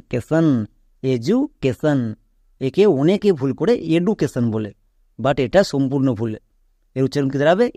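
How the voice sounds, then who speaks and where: A man teaching an English spelling lesson, with a mellow voice that sits slightly high. He keeps asking questions and answering them himself, and he spells words out slowly, one letter at a time. The recording is dry and close, with no room sound. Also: no echo. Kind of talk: explanatory lesson.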